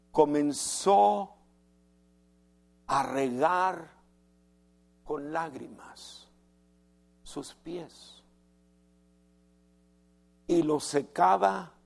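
Male preacher, slightly high voice, slow and emphatic sermon delivery. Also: creaky. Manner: emphatic, asks the congregation questions, slows down on key words.

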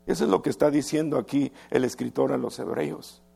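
A man's voice: mid-range voice, a little fast, creaky, dark tone, slightly rough, faint music behind. A male pastor preaching an earnest sermon and stretching his words for emphasis.

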